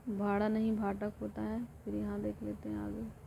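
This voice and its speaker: A woman teaching an exam-prep lesson, reading through word pairs and repeating each one in a steady drilling way. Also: medium pitch, normal speed, gravelly. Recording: dull lo-fi audio with faint noise.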